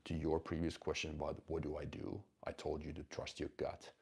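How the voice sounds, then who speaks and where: Very deep gravelly husky man. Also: completely flat delivery, fairly quick. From Finland. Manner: direct, emphatic coaching tone, blunt with casual swearing. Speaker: host of a live stream. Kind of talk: casual live-stream talk answering chat questions.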